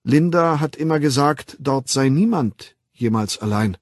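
A man's voice: medium pitch, expressive, measured pace, a little mellow, no echo, clean studio sound, pitched above the performer's own voice. A man voicing an earnest, lonely young man in an audiobook. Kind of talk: audiobook reading.

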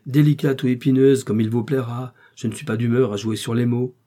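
A man's voice: mid-range voice, moderate pace, warm tone, breathy edge, voice pushed up, lightly acted. A man reading an audiobook, voicing a fretful, pompous aristocratic husband who speaks in an agitated, peevish way.

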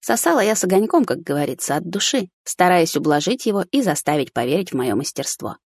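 Low husky woman reading a story. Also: very animated, fast talker, darkish tone. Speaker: audiobook narrator. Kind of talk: first-person story narration.

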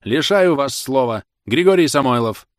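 An actor reading an audiobook, playing an irritable old male judge who shouts in a thin, shrill voice. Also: animated, moderate pace, no room sound, studio quality, close to an everyday voice. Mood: shrill, stern.

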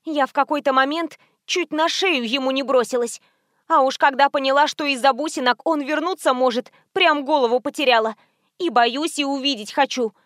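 A woman voicing a chatty, frightened young female shop assistant in an audiobook, talking in a high, eager flutter. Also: normal speed, a bit bright, no room sound, clean studio sound. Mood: excited confiding. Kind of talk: audiobook reading.

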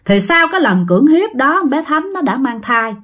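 A woman's voice: sits high, sing-song, normal speed, a bit bright. A woman telling a ghost story in a chatty way, often addressing her listeners.

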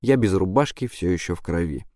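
A man reading a novel aloud in the first person, in a steady, subdued way. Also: sits low, fairly quick, dry recording, studio quality. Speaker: audiobook narrator.

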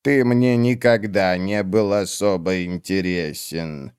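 A man reading an audiobook, voicing an ancient undead witch with a slow, low, measured delivery. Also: darkish tone, smooth, no echo, studio quality. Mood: cold. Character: ancient undead female witch, cold and scheming.

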